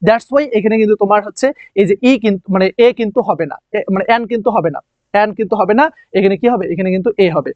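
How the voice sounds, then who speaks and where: Fast, high-voiced teacher. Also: male voice, no echo, lo-fi sound. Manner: repeats key words and quizzes students with questions. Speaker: English teacher. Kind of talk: classroom lecture.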